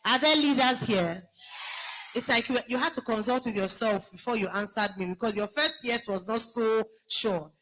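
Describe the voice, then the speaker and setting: A woman's voice: on the high side, moderate pace, bright, forceful tone, low-quality recording. A woman hosting an event on stage, introducing a speaker and rousing the audience to cheer. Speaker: event host. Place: large hall with an audience.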